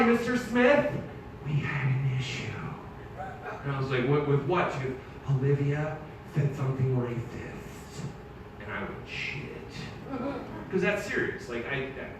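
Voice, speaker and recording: Man doing stand-up in an echoey hall. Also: on the high side. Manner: storytelling, animated, swears freely. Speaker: stand-up comedian. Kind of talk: live stand-up comedy set. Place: live theater stage. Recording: echoey hall from far off, crowd noise.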